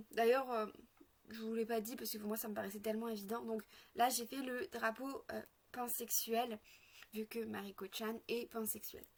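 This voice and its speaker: A woman's voice: fairly high pitch, level tone, moderate pace. A woman chatting through a casual makeup tutorial, hesitant with lots of fillers, a bit sick. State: sick, occasional coughing. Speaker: makeup vlogger.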